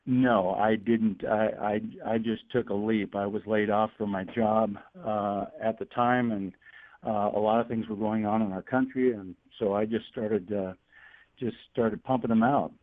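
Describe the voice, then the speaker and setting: A man's voice: lowish voice, fairly even intonation. Middle-aged man on a tinny phone line. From Northern California. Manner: halting, with frequent fillers and restarts. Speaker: guest editorial cartoonist. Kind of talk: talk radio interview over the phone. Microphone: telephone.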